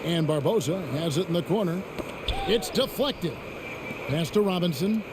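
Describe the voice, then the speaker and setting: High-pitched male basketball play-by-play announcer. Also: lively intonation, normal speed. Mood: focused, upbeat. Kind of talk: live sports commentary. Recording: loud music and arena noise behind.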